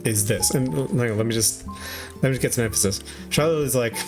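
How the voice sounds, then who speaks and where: A man's voice: mid-range voice, quick pace, music in the background. A young Australian man streaming, recapping online drama in rambling, casual chat with many fillers and frequent laughs. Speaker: VTuber streamer.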